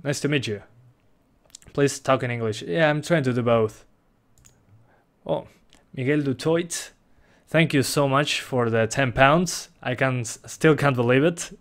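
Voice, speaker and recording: Reading chat questions aloud on a live stream and answering them casually, a young Uruguayan native Spanish speaker with a Rioplatense accent sounds relaxed and chuckles a lot. His voice sits in the mid range.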